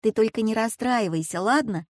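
A woman voicing a lively, teasing schoolgirl granddaughter in a storybook reading. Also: fairly high pitch, no room sound, studio quality, natural voice. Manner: quick, teasing and bright.

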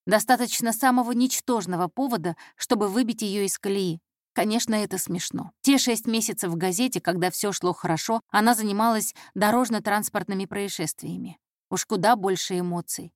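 Brief: steady female audiobook reader for a crime story, dry close sound. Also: mid-range voice, normal speed, dry recording. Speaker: audiobook narrator. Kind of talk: scripted narration.

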